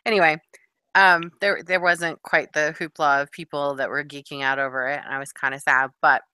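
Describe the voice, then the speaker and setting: A middle-aged podcast co-host speaks in a low, steady, clear and resonant voice that sounds pushed and bright, at a moderate pace in a dry recording. In casual chat, she tells rambling stories packed with asides.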